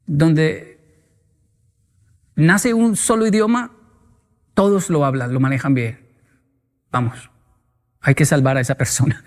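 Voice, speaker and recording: A man speaks to an audience in a large hall, his fairly high voice ringing with long reverb. He tells humorous stories in a motivational talk, acting out the people he quotes and imitating animal sounds. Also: darkish tone. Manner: playful storyteller, acts out quoted voices and sounds. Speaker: speaker answering audience questions.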